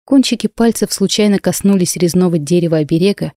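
A woman narrating a first-person fantasy audiobook in a steady, expressive storytelling manner. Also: lowish voice, fast talker, dry recording, studio quality.

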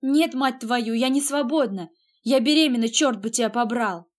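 A woman performing a wounded young wife in an audiobook romance. The voice climbs high and loud, pushed and emphatic, on the edge of tears. Each line lands hard. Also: lively intonation, a little fast. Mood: shouting.

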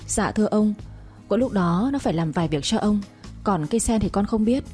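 A woman voicing a frightened young wife who pleads and weeps in a higher voice. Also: animated, a little fast, darkish tone, soft background music, close to an everyday voice. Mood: pleading.

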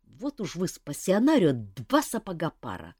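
A woman voicing a gruff adult male hero who grumbles and answers with curt sarcasm. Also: on the low side, huge pitch swings, moderate pace, mellow, no echo, studio quality, faint music behind, voice pushed up, heavily acted. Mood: grumbling.

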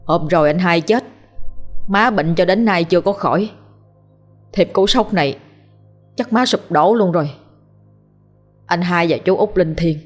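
A woman's voice: fairly low pitch, close to an everyday voice. A woman reads a grieving older village brother, tearful, lamenting, storybook ghost tale. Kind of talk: scripted ghost story narration.

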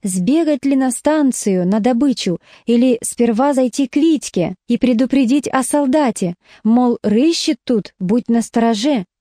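A woman reads a story aloud with lively, expressive narration. Her voice sits a little high but sounds mellow and dark, recorded dry and close. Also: a little slow, few pauses, dry recording. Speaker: audiobook narrator.

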